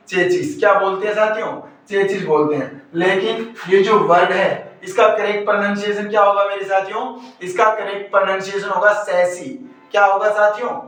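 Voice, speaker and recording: In a very echoey room, far from the mic, a man with a high-pitched, slightly bright voice teaches an exam-prep grammar lesson. He keeps asking questions and answering them himself in a repetitive call-and-answer pattern.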